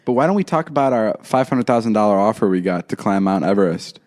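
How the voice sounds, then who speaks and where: A young man co-hosting a podcast, trading quick, joking banter and laughing often. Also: on the low side, expressive, a little mellow. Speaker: podcast co-host.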